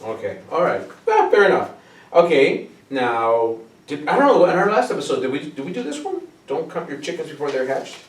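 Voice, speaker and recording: A man's voice: on the high side, big pitch swings, a little fast. A man hosting a comedy show who teases his guest and often trips over his words. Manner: teasing, stumbling over words. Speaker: host. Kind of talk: comedy sketch banter. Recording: echoey room, mic at a distance.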